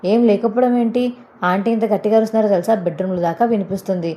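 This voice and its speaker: A woman's voice: medium pitch, rapid-fire, dark tone, lo-fi sound, lightly acted. A woman voicing a firm, outspoken young daughter-in-law who argues indignantly.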